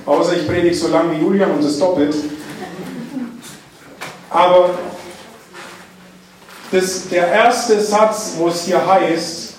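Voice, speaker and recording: A man preaching a sermon, dwelling on key phrases with drawn-out emphasis. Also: high voice, fairly even intonation, darkish tone, slight background noise. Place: church hall. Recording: echoey church hall, mic at a distance.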